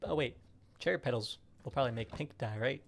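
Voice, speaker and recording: A man's voice: medium pitch, a little fast, gravelly. A man streaming a game, chatting casually and thinking aloud as he plays. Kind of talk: casual gaming commentary.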